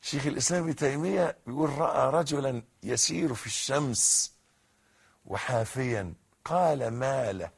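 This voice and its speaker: A man preaching a sermon in an Egyptian accent, swinging from hushed pleading to loud shouted exhortation, with a husky voice. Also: medium pitch, moderate pace. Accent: Egyptian Arabic.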